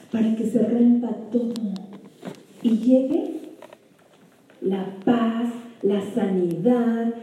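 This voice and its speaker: Woman, Bible teacher, checks in with her audience, mellow tone, echoey distant sound. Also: on the high side. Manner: keeps checking in with listeners. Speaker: women's group Bible teacher. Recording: echoey room, mic far off.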